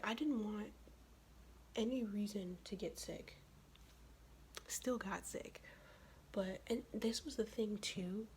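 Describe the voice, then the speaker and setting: A young woman whispers right into the mic, her voice raspy and worn from illness. She tells a blunt, profanity-laced story in a chatty whispered ASMR style, at a middle pitch. A faint hiss sits under her voice. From United States. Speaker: ASMR vlogger.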